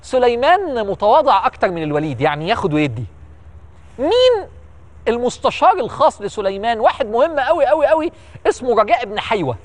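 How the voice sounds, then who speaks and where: A man with an Egyptian accent telling history as an animated, emphatic storyteller who repeats words for effect. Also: very high-pitched, fast talker. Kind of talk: lively storytelling lecture.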